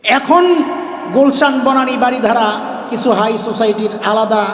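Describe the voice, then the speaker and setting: A middle-aged man preaching a sermon in colloquial storytelling style, rising at times to shouts. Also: very high voice, measured pace. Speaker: mosque preacher. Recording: echoey hall with long reverb.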